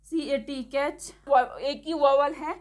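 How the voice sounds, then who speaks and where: High-voiced woman teaching pronunciation. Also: steady tone. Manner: explains step by step, often checks in with "okay"; slowly spells words out letter by letter. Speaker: English teacher. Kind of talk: classroom-style lesson.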